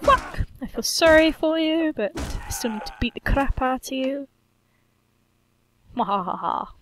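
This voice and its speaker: A woman's voice: high voice, normal speed, a bit bright. A woman giving casual gameplay commentary, playful, cheerfully swearing and humming to herself. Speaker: gaming channel host.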